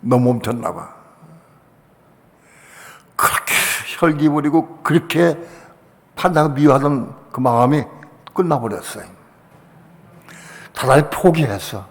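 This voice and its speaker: A male pastor preaching a Friday evening sermon, passionate, dropping to quiet asides and rising to shouted declarations. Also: medium pitch, unhurried, pauses often, in a large hall. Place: church sanctuary.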